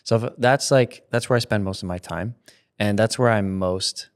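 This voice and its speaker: This content creator guest, a man in his thirties, has a clear, resonant voice on the low side and talks at normal speed. Casual throughout the interview, he rambles, restarts sentences, and often laughs, all on a studio microphone with headphones.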